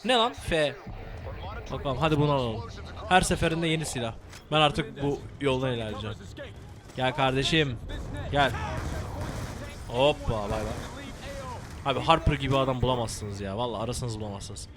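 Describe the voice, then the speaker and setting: Cursing, excitable young man gaming. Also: medium pitch, moderate pace, pauses often. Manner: profane, excitable, joking running commentary. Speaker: gameplay commentator. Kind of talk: let's play commentary.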